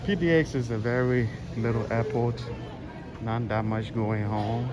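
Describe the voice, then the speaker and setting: Holding his phone at arm's length, a middle-aged man vlogs as he walks through a big indoor airport terminal, talking in a rambling, repetitive way. His voice is medium-pitched, fairly even, and a little slow, and the recording sounds muffled, with noisy terminal ambience clearly in the background.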